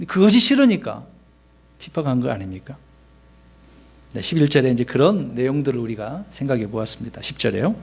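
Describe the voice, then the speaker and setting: A man's voice: medium pitch, animated, quick pace, gravelly, a little mellow, husky. A man, a pastor, preaching a sermon in a conversational way, asking his congregation rhetorical questions and acting out the lines he quotes.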